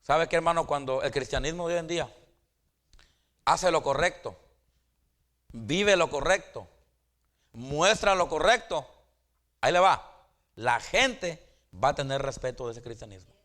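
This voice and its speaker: Middle-aged male pastor, slightly high voice, preaching with stammered restarts and sharp swings between loud peaks and soft drops. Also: expressive, a little slow, long pauses. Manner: stammering restarts, calls the congregation brothers, pitch swings high and drops low. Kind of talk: sermon.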